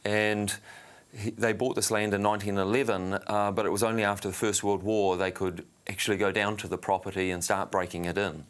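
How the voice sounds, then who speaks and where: A man with a New Zealand accent, an interview guest explaining and storytelling conversationally in halting, unhurried short phrases. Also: fairly low pitch, level tone. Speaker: winery general manager, interview guest.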